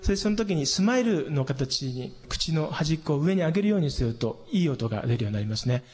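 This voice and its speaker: A man teaching a singing lesson, explaining patiently and calmly, with hummed demonstrations. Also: a little high, fast. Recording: long hall reverb.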